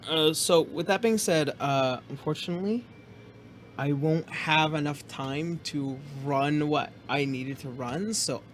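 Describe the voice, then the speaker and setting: A man hosting a casual tabletop game as game master, talking in a halting, hesitant way. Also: fairly high pitch, a little hiss or hum.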